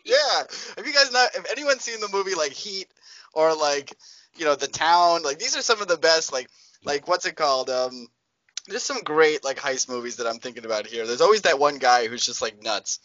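A man co-hosting a casual podcast chat, animated and acting out shouted movie-style lines. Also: a little high, moderate pace, dry recording. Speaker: podcast co-host. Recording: slightly dull podcast audio.

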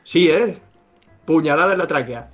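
A man's voice: on the high side, expressive, moderate pace, fairly bright tone, soft background music. A man co-hosting a podcast, talking with profane, mock-indignant outrage in casual chat. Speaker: podcast co-host.

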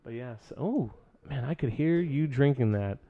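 A man's voice: mid-range voice, expressive, moderate pace, phone-quality sound, a crowd in the background. A man in casual podcast chat, rambling and swearing, often laughing.

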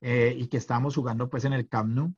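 A man's voice: medium pitch, fairly even intonation, fast, darkish tone, breathy edge. Guy on a podcast, lots of ehs, kinda dull muffled audio. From Colombia. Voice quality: hesitant, many fillers and restarts. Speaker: podcast guest. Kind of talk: casual chat.

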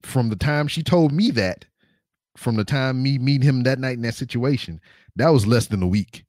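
A man's voice: medium pitch, expressive, normal speed, darkish tone, no echo, clean studio sound. A man guesting on a podcast, telling a story in a casual, slangy, profane way into a desk microphone on camera.

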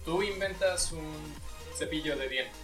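A man speaking in a dry, explanatory way during casual podcast banter. His voice sits a little high, and music plays clearly behind him. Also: unhurried, reverberant, distant mic. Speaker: podcast co-host.

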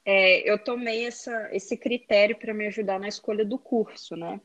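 Guest, woman, 30s, Minas Gerais Brazilian accent, casual and hesitant, mid pitch. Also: fairly even intonation, normal speed, a bit bright, lo-fi sound. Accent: Brazilian Portuguese, Minas Gerais. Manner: chatty, hesitant with many fillers. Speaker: guest, digital influencer. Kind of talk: casual interview chat.

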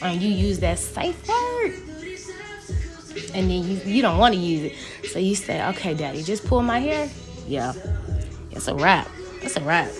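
A young woman hosts a podcast, chatting casually and frankly with plenty of laughs and cursing. Her voice sits a little low for a woman. Music plays clearly behind her. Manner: loose and laughing, swears freely. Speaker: podcast host. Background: background music.

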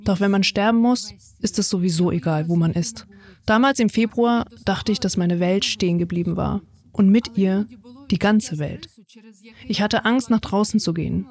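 A woman in her twenties from Ukraine, calmly reading her own first-person story in a reflective voice. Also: mid-range voice, normal speed. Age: 20s. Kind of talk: read first-person testimony.

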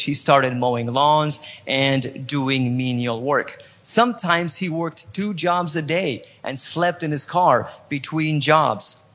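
A man's voice: fairly high pitch, a bit bright. American-accented man telling his testimony. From Poland. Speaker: podcast host giving testimony. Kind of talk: read-aloud personal testimony.

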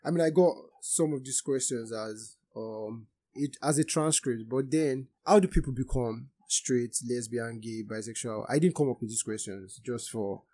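A man's voice: mid-range voice, normal speed, hardly any pauses, dark tone. A young man with a Nigerian Yoruba accent hosting a casual podcast. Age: young adult. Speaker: podcast host.

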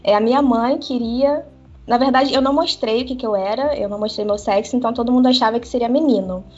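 A woman in casual chat, candid and animated, laughing often. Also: a little high, fast talker. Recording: dull lo-fi sound with faint music.

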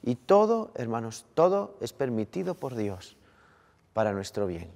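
A man, a priest from Colombia, giving an earnest, slow-paced Sunday sermon and addressing his listeners as brothers. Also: lowish voice, sing-song, vocal fry, a little mellow, in a large hall.

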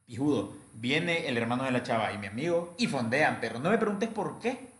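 A man's voice: mid-range voice, expressive, brisk, a bit bright, roomy sound. A young man, telling a crude, slang-filled story as podcast co-host. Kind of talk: casual storytelling chat.

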